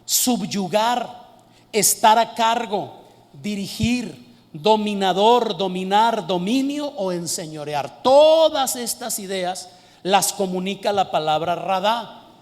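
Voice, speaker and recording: A man preaching a sermon earnestly, repeating key words slowly for emphasis. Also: sits high, animated, long reverb tail.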